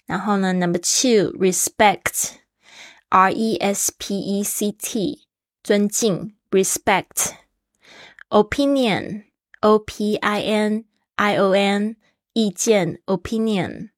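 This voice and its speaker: A woman's voice: mid-range voice, no room sound, clean studio sound. A woman hosting a casual English lesson podcast, chatty and spelling words out letter by letter. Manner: laughs easily. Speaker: English teacher and podcast host.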